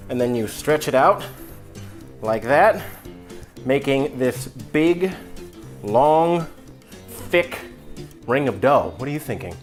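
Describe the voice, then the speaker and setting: A man hosting a casual, comedic cooking lesson in a loose, rambling drunk manner, irreverent and a little profane. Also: medium pitch. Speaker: cooking video host. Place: home kitchen.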